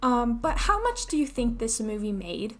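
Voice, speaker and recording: A woman with a slightly high voice chatting casually as a podcast co-host. She talks hesitantly, filling pauses with um and like. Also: big pitch swings. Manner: hesitant, full of ums and likes. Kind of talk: casual chat.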